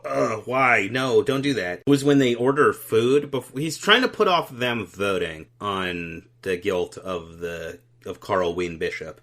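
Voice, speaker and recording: A man co-hosting a podcast, chatting casually about a film with animated, jokey tangents. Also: fairly low pitch. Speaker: podcast co-host. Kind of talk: casual comedic film review chat.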